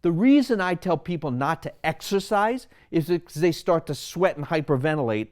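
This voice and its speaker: A Sri Lankan physician in his sixties, speaking to camera at a normal pace, explains his philosophy of wellness and fills it with rhetorical questions. His voice is slightly high and very expressive.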